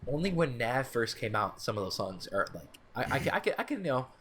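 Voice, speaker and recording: A young man from the United States co-hosting a casual podcast, rambling with frequent restarts and quick asides. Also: mid-range voice, very animated, a bit bright, a little hiss or hum. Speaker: podcast co-host. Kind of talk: casual chat.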